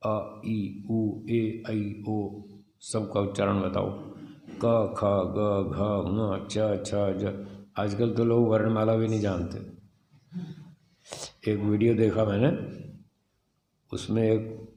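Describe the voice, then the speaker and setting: Man, slow deliberate lesson, low voice, explains a text line by line. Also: dark tone, echoey room, long reverb tail. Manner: slow, deliberate, spells out sounds and letters. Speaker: teacher of scripture class.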